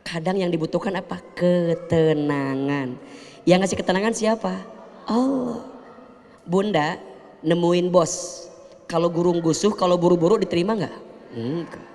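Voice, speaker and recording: Male preacher, high voice, lively and jokey, in a reverberant hall. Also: measured pace. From Indonesia. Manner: animated, acts out little scenes with comic voices. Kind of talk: sermon.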